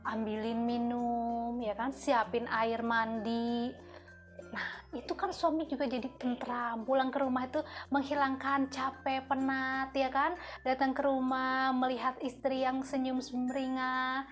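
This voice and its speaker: A woman's voice: high voice, little pitch movement, moderate pace, soft background music. A woman hosting a casual advice talk for wives, chatty and often checking in with her listeners. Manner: chatty, keeps tagging "ya kan?". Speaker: host giving marriage advice to wives.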